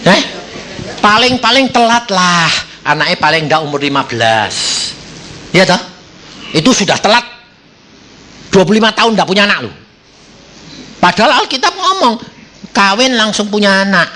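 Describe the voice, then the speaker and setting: A man's voice: high-pitched, very animated, normal speed, long pauses, pushed and bright, slight background noise. A man preaching a sermon and telling stories, acting out voices with laughter.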